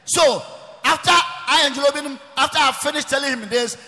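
A man preaching, emphatic and often shouting, repeating his phrases. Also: very high voice, brisk. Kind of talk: preaching sermon. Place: large church hall. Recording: long reverb of a large church hall.

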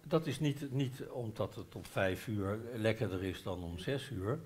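An older man from the Netherlands with a Dutch accent, talking as a guest on a live bookshop stage. He tells an animated story on a headset mic, stopping to restart his sentences and hesitating often. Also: on the low side, measured pace. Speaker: guest author. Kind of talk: live literary café talk.

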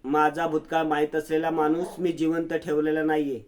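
A secretive, ruthless woman whose words come clipped and cold with a threat underneath, acted by a man. The voice stays a little high. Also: flat delivery, normal speed, natural voice. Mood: menacing.

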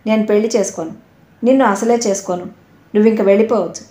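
A woman's voice: mid-range voice, fairly even intonation, fast talker, mellow, lightly acted. A woman voicing a proud young woman who speaks sharply and indignantly, in a storybook reading. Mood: angry. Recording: roomy echo.

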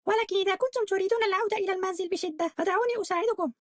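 A woman's voice: very high voice, rapid-fire, no echo, studio quality. A woman voicing a smug, mischievous villain girl in a children's cartoon game, gloating and theatrical, with a dubbed delivery.

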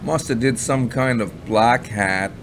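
A man's voice: medium pitch, takes it slowly. Blunt, rambling Canadian man over noise. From Ottawa, Canada. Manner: blunt, rambling, repeats himself, swears. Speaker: online marketing reviewer. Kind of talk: casual screen-share commentary. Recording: audible background noise.

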